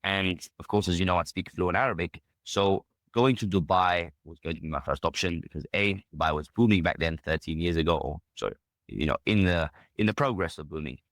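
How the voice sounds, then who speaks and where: A British podcast guest in his thirties tells personal stories casually and emphatically, dropping in plenty of conversational tags. His low voice has a fairly bright tone and a brisk clip. The recording is close and dry, with no echo.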